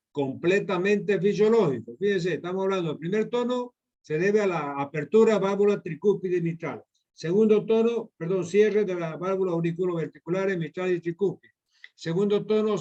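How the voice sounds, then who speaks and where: A man's voice: high voice, warm tone. A middle-aged man giving a medical lecture over slides, repeating key points and addressing his students directly. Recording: dull lo-fi lecture recording.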